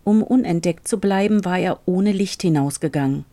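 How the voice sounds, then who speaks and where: A woman reading a fairy tale aloud in a calm, measured storytelling manner. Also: fairly low pitch.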